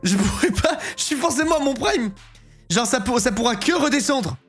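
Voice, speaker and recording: A man's voice: extremely high pitch, expressive, normal speed, fairly bright tone, breathy edge, soft background music. Joking man streamer with a cold. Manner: joking, laughs often, swears casually. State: has a cold, stuffy and sick. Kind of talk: casual live-stream chat.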